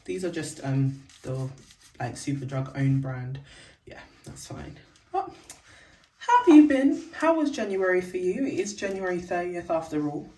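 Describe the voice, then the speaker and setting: A woman's voice: on the low side, big pitch swings, moderate pace, a little mellow. A young woman chatting casually to the camera for her vlog, rambling and correcting herself with lots of fillers, recorded at home. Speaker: vlogger. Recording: roomy, distant, faint background noise.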